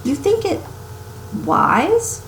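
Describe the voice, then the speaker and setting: Storybook witch professor, played by a woman reader: older, stern and fretful, lifted pitch, emphatic, slight room noise. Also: sing-song, very slow, reverberant, exaggerated voice, rough recording. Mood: doubtful.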